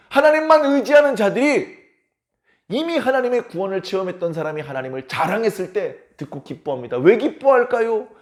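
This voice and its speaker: A middle-aged male pastor giving an early morning sermon, lively and animated, acting out the people he quotes with small chuckles. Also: sits high.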